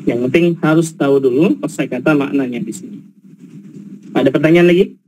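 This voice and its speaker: A man's voice: on the high side, fairly quick, a little mellow, low-quality recording. A man from Indonesia teaching an Arabic class, explaining patiently with examples and checking whether his students follow.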